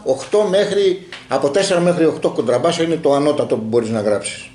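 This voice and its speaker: A man's voice: a little high, expressive, darkish tone, echoey room, slight background noise. A man telling a long story in casual group talk and acting out the dialogue as he goes.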